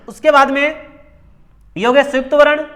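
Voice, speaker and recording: Unhurried and fairly even in intonation, a coaching-class teacher with a very high, fairly bright voice teaches grammar. He repeats every term over and over, poses a question, and supplies the answer himself.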